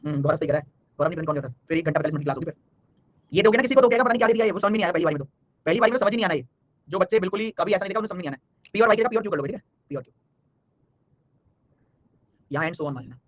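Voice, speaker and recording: A man teaching a live online reasoning class, talking fast and teasing and scolding his students by name. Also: sits high, lively intonation, lo-fi sound. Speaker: online exam-prep teacher.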